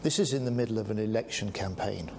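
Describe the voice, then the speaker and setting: Measured British politician at press conference. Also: male voice, on the low side, gravelly, noisy background. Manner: measured, calling on reporters by name. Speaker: defence secretary hosting press conference.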